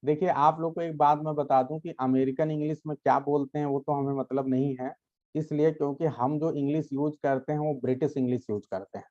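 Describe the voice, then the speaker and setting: Teaching English grammar, a man explains patiently to his students, addressing them directly and checking their understanding often. His voice is slightly high, a little mellow and steady, and he talks a bit fast. The audio is dull.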